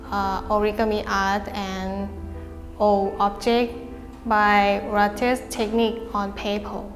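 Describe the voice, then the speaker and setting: A woman from Thailand, an artist who speaks carefully and haltingly in a documentary interview. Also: medium pitch. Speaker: mixed media artist. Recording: long hall reverb.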